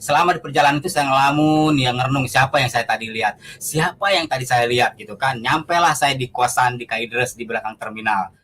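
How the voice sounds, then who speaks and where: A man's voice: medium pitch, a little fast, sharp tone. A man giving an earnest, conversational testimony, telling his story with fillers and acted-out quotes.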